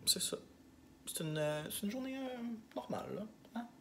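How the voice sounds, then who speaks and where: A man's voice: high voice, animated, normal speed, bright, forceful tone, a little hiss or hum. A male schoolteacher with a Québécois French accent, talking casually and candidly in a vlog diary, full of fillers. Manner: candid, rambling, heavy on fillers. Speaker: elementary school teacher.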